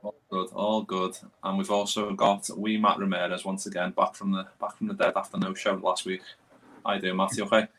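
A man's voice: low-pitched, flat delivery, fairly quick, fairly bright tone, poor audio. A British man hosting a podcast with casual, loosely phrased football chat. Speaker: podcast host.

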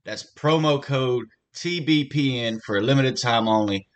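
A man's voice: mid-range voice, a little slow. A man reading the legal disclaimer at the end of an ad, rattling off the terms. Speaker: podcast host reading a sponsor ad. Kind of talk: ad read ending in a legal disclaimer.

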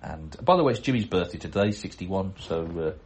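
Chatty man with a low voice. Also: lively intonation, a little fast. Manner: chatty, chuckling, self-deprecating asides. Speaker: podcast host reading listener mail. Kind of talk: casual chat and letter reading.

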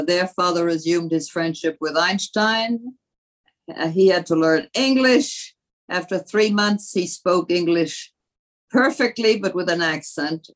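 A woman in her eighties from France, recounting family history as a guest in a measured way with frequent hesitant pauses. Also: sits low, rough recording. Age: 80s. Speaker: guest, grandmother.

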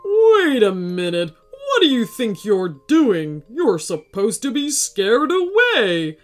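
Woman doing a booming storybook dragon, boastful, lively swoops, slow and drawn out. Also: soft background music, heavily acted. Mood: indignant. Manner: loud, blustering threats. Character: big boastful male dragon.

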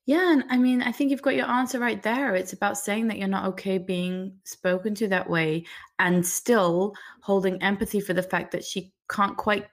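A woman speaking as a guest parenting coach, giving advice in a lively, animated way and acting out phrases to say to a child. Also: mid-range voice, normal speed.

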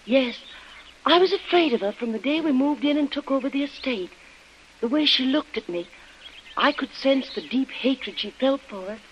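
This vintage radio drama from the 1940s features a woman with a high, expressive voice speaking at normal speed. As Helen, an anxious young wife, she earnestly tells of her ordeal with an uneasy sense of recollection, and the old recording is muffled and noisy.

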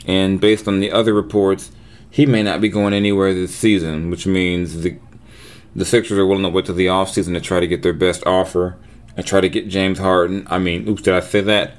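A man hosting a podcast, talking casually or reading a sponsor spot in his own voice. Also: deep voice. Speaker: podcast host. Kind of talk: casual sports and hip hop talk, with read-out sponsor spots.

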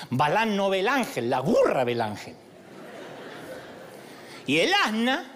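A man's voice: a little high, fairly bright tone, a little hiss or hum. A man preaching a sermon in a humorous, storytelling way, acting out the voices of the people in his stories.

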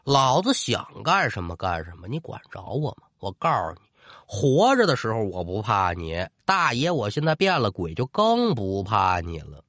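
A man's voice: on the low side, wildly swooping pitch, normal speed, fairly bright tone, no room sound, studio quality, pitched below the performer's own voice. A man voicing a swaggering male ghost thug, defiant and cursing.

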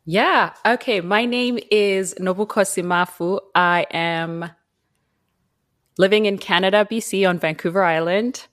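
A woman from Zimbabwe, a mining engineer appearing as a podcast guest, chats casually in an interview. Her voice is mid-range and a bit bright, and she speaks unhurriedly. She laughs easily and sounds a little tired.

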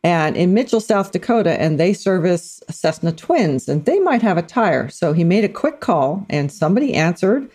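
Animated woman telling a story. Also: on the low side, moderate pace, few pauses. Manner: animated storyteller, voices quoted people. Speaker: podcast co-host. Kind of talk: casual storytelling chat.

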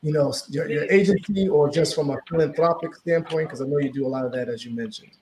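A man's voice: a little high, fast, a little mellow, a little hiss or hum. A man hosting a radio interview, asking long, rambling questions in an upbeat way. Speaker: radio host. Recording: roomy echo.

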